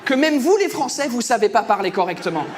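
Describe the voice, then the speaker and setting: A man from England performing a stand-up comedy set, animated and mocking, laughing at his own jokes. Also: very high voice, fast talker, some chatter behind, slight background noise.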